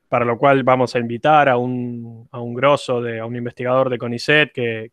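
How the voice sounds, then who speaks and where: A man's voice: medium pitch, fairly bright tone, dry recording. Lecturing man, dry sound. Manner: explanatory, asks students questions. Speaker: university lecturer. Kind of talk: online class lecture.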